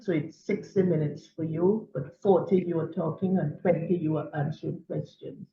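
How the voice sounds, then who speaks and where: An event organizer slowly and plainly explaining a schedule. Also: medium pitch, fairly even intonation, gravelly, echoey room, recorded from a distance, muffled recording, crowd noise.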